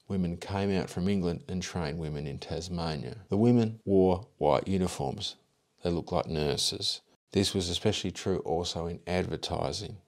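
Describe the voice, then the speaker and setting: A man narrates scripted history in a calm, measured delivery. His voice is very deep and even. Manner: measured, factual storytelling. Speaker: documentary narrator.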